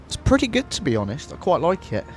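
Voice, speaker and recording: A man's voice: a little high, fast, soft background music. Chatty man streaming a flight sim. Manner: relaxed, chatty, laughs often. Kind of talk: casual livestream chat while flying. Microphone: headset microphone.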